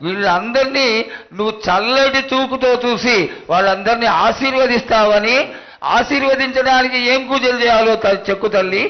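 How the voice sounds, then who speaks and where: High-voiced man pleading at a ritual. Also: normal speed. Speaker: ritual attendant questioning the oracle. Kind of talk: devotional pleading addressed to a goddess. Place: live temple festival ritual. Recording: dull lo-fi live broadcast sound.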